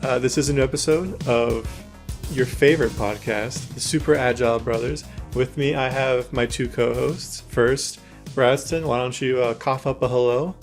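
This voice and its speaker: A man at a middle pitch hosts a laid-back gaming podcast with two friends. He jokes around and laughs easily. Faint music plays under his voice. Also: normal speed. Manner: jokey, laughs easily, playful intros. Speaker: podcast host. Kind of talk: casual gaming podcast chat.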